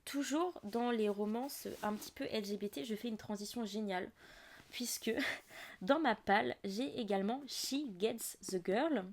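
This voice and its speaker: A woman's voice: on the high side, moderate pace. A young woman hosting a casual book podcast, chatty and full of asides and fillers. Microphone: audio-only podcast mic.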